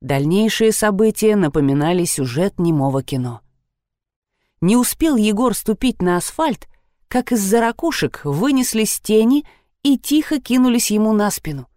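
A woman reads a first-person story aloud at a steady, measured pace, bringing expression into each sentence. Her voice sits at a middle pitch and sounds dry and close, with no room around it. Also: dry recording. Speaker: audiobook narrator. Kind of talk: scripted first-person narration.

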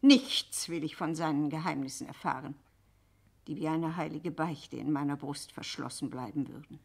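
A woman's voice: sits low, moderate pace, vocal fry. A woman playing a dignified, principled noblewoman in a radio drama, speaking in a formal, emphatic, theatrical way. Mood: indignant. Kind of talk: German literary radio drama.

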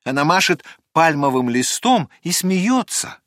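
A man reading a children's storybook aloud with expressive, animated storytelling. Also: a little high, unhurried, no echo, clean studio sound. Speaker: narrator.

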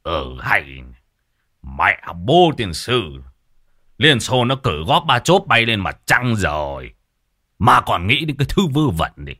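A man voicing a stubborn, gruff old father, who scolds curtly and swears. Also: mid-range voice, very animated, slow pace, bright, forceful tone, exaggerated voice. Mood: gruff scolding. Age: older. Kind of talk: story narration with acted voices.

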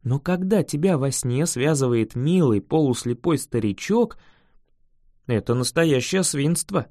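A man reading an adventure audiobook in the first person with wry, expressive storytelling. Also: medium pitch, measured pace, no echo, clean studio sound. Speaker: audiobook reader.

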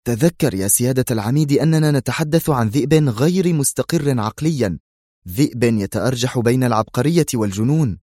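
A man's voice: medium pitch, expressive, a little fast, dark tone, no echo, studio quality, pitched above the performer's own voice, lightly acted. A man voicing a nervous male intelligence aide who keeps questioning his commander in a strained, pleading tone. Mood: tense.

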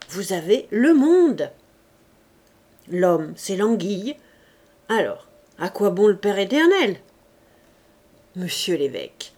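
A woman's voice: mid-range voice, a little mellow. A woman reading an audiobook, voicing a worldly old male senator who declaims boisterously and self-satisfied.

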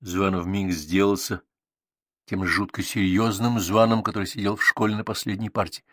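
Calm male audiobook narrator, dry sound. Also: lowish voice, moderate pace, dry recording. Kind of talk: scripted narration.

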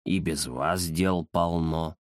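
Storybook: a pompous fat tomcat, low and slow, read by a man. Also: steady tone, no room sound, clean studio sound. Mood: lazy. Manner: slow, lazy, grumbling, self-important. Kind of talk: audiobook character voice.

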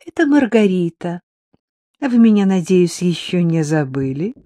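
Picture a sharp-tongued woman blackmailer purring sugary threats down a phone line, as an audiobook reader puts her on. The pitch swoops up and down constantly, and her sweetness drips with mockery. The sound is dry and close, with no room at all. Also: big pitch swings, normal speed, no room sound. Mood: honeyed mocking. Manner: sugary and mocking, then barking orders. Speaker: character in an audiobook. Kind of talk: audiobook character reading.

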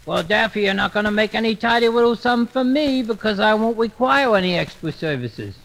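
A man's voice: high voice, animated, fairly quick, creaky, a bit bright, full character voice, poor audio. A man playing a fussy, gullible cartoon hotel guest who keeps complaining, in a vintage cartoon radio performance.

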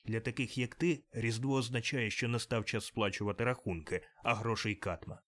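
A man's voice: mid-range voice, fairly even intonation, moderate pace, a bit bright, close to an everyday voice. Man reading as a grumbling old miser. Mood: grumbling, curt. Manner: grumbling, curt.

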